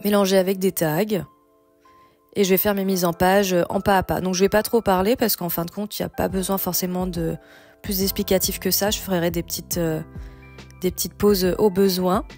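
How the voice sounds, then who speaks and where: A woman's voice: fairly low pitch, steady tone, moderate pace, darkish tone. A woman hosting a casual, chatty step-by-step craft tutorial, thinking aloud as she goes. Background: background music.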